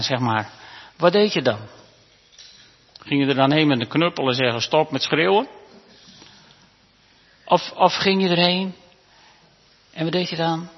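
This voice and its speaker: A man preaching a sermon to his congregation in a church, talking warmly and conversationally, asking them questions and sometimes restarting his words. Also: on the high side. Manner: stammering restarts. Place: church hall. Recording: reverberant hall, dull lo-fi sound.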